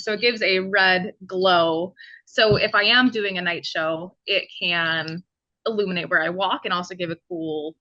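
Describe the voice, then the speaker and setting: A woman's voice: medium pitch, sharp tone, no echo, dull audio. A woman talking casually as a podcast guest about her costume work and hobbies, laughing often, on a video call from home. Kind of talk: casual chat. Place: home, indoors.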